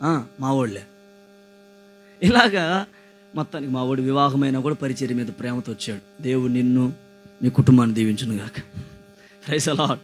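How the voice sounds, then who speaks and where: Male preacher, high pitched, shifts between fiery pleas and low asides. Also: fairly bright tone, slight background noise. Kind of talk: sermon.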